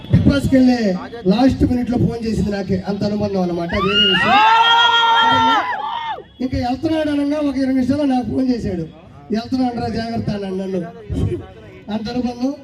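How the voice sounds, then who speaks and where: A man who owns a restaurant, speaking at its opening and calmly listing branches and thanking guests. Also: extremely high pitch, normal speed, long pauses, reverberant, heavy background noise. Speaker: restaurant owner. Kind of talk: speech at a shop opening. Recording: distant mic, loud crowd.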